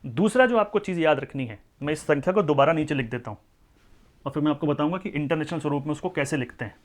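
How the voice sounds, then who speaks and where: Hindi math teacher, quizzing the class. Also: male voice, a little high, fast. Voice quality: code-switches into English for number words. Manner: explains step by step, often asks the class questions. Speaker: maths teacher. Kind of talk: classroom lecture.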